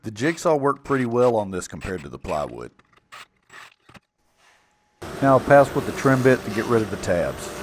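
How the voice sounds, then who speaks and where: A woodworking video maker narrates his own build project in a plainspoken, folksy, self-deprecating way, keeping things casual. His low voice swings widely in pitch and moves briskly, with slight background noise.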